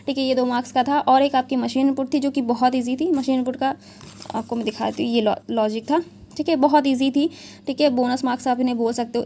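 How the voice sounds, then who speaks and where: A woman's voice: on the high side, dark tone, slight background noise. A young woman talking through an exam analysis in a casual, chatty way, often checking in with her viewers and mixing English into her Hindi. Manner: chatty, repeats "theek hai" often, mixes English into Hindi. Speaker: exam prep educator.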